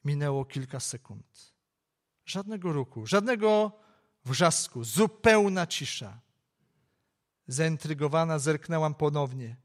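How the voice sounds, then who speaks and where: Man, preacher, high voice, Christmas sermon, expressive storytelling. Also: slow, long pauses. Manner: expressive storytelling, shifting pace.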